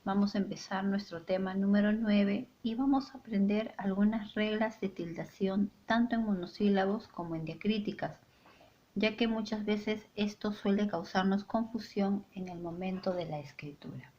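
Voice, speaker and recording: A woman teacher giving a spoken grammar lesson, with a clear, deliberate delivery and stressed example sentences. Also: medium pitch, a little mellow, highs cut off.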